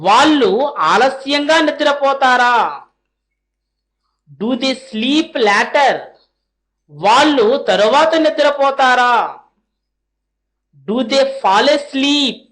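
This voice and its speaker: A woman teaching spoken English, reading short question drills slowly and with deliberate spacing, each followed by a translation. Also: high voice, a bit bright.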